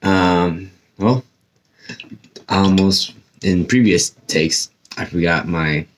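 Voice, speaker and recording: A young man with a deep, low voice chats his way through a casual unboxing vlog. His speech is loose and full of fillers, and his mouth is a little numb from dental surgery, so some words come out slightly slurred. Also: takes it slowly. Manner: chatty, rambling with many fillers. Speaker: YouTube host.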